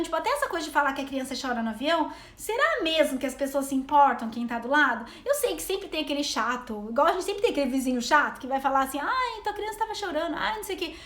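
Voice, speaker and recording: With a high, fairly bright voice, a thirtysomething Brazilian mother who vlogs about travel rambles chattily to her live-stream audience, reading their comments out. Her accent is Brazilian Portuguese, and the audio has a roomy quality.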